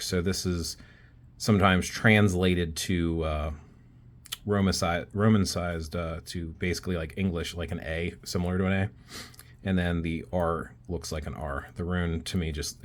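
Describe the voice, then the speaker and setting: A deep-voiced man speaking at normal speed teaches a craft he learned on his own, walking through it step by step as he draws. He's relaxed and thinks aloud with fillers, and Icelandic is not his first language.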